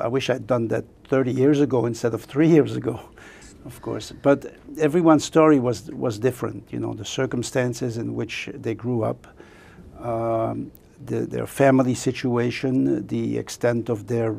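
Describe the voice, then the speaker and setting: An older man whose first language is French speaks as a guest author in an interview, thoughtful and reflective, with many pauses and fillers. His voice is mid-range and darkish, with vocal fry.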